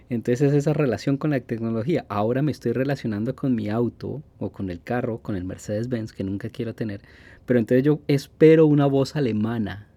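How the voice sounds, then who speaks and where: A man in his forties with a Colombian accent talks through a casual podcast monologue. His voice is dark and gravelly, and he rambles, circling back with fillers and restarts. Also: mid-range voice. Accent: Colombian Spanish. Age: 40s. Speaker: podcast host.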